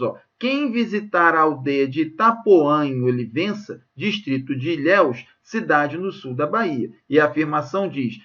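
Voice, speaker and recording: A man's voice: on the high side, a bit bright, highs cut off. A man with a Brazilian Portuguese accent teaches an exam prep lesson, explaining grammar questions and checking in with his students often. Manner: didactic, checks in often with "ok?" and "gente".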